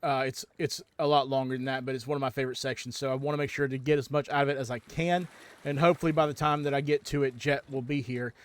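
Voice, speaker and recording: A man's voice: medium pitch, steady tone, fast talker, no echo. A man streaming a game from home, chatting casually into a headset mic and rambling with lots of ums and restarts. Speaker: livestream gamer.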